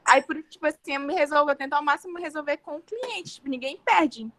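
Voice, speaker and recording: A woman's voice: high voice, expressive, quick pace, a bit bright, slight background noise. A woman with a Brazilian Portuguese accent, a student chatting in class, talking casually with many fillers and restarts. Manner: chatty, hesitant, explains with fillers.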